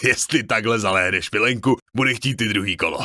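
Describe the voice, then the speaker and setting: A man's voice: fairly low pitch, pushed and bright, no room sound, studio quality, pitched above the performer's own voice. A man voicing a coarse, teasing veteran soldier in an audiobook. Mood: joking.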